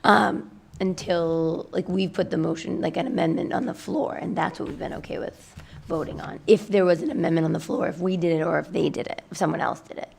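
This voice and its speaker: A woman's voice: lowish voice, fairly even intonation, fairly quick, gravelly, a little mellow, slight background noise. A woman chairing a school committee meeting, losing her voice, laughing often and using casual fillers. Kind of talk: meeting discussion.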